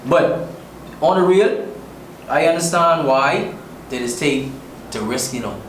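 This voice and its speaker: A man's voice: a little high, lively intonation, measured pace. A man from the Bahamas with a Bahamian accent, a musician speaking earnestly and emphatically with slang in a casual interview. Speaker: musician guest. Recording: echoey room, distant mic, faint noise.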